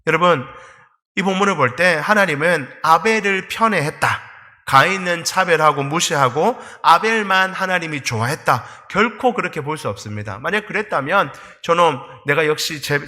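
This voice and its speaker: A man's voice: fairly high pitch, sharp tone. A male pastor preaching an evening church sermon with earnest emphasis, voicing prayers and God's words. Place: church sanctuary. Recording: long church hall reverb.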